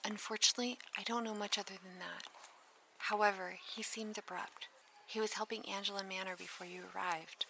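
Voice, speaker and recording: A woman's voice: medium pitch, fairly even intonation, brisk, vocal fry, sharp tone. A woman playing an earnest, helpful police officer in an audio drama, reporting matter-of-factly. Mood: earnest, concerned. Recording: noisy background ambience.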